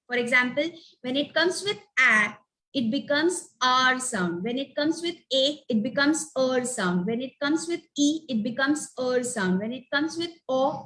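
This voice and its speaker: A woman's voice: high voice, a bit bright. A woman teaching phonics in a webinar, patiently spelling out letters one by one and sounding out example words. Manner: patient, repeats "okay" between points. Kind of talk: slow instructional webinar talk.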